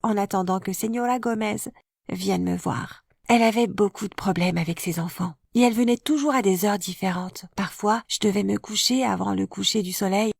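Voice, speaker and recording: A woman calmly narrating a first-person life story in a scripted, even storytelling voice. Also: mid-range voice, normal speed, creaky, no echo, studio quality.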